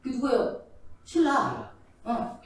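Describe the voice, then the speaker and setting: A woman pastor preaching a lively sermon, now and then acting out the voices of biblical figures as she tells their stories. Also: a little high, slow pace, slight background noise. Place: church sanctuary. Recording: echoey church hall, mic at a distance.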